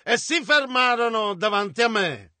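High bright interpreter voicing a sermon. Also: male voice, lively intonation, normal speed, no room sound. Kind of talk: translated sermon voice-over.

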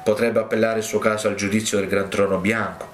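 A preacher voicing a polite, apologetic heaven gatekeeper. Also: male voice, lowish voice, little pitch movement, fairly quick, faint music behind, natural voice. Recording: roomy echo.

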